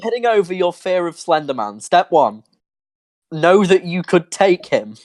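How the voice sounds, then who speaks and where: A man's voice: high-pitched, very animated, unhurried, a little mellow, no room sound. A man hosting a casual podcast chat, joking sarcastically and reading steps aloud. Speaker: podcast host.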